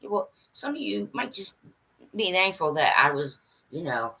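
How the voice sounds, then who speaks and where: On the low side and creaky, her sharp voice has a sing-song, unhurried delivery, with a little hiss or hum in the recording. She hosts a livestream, talking bluntly and scatteredly to viewers, swearing, laughing, and asking them to agree.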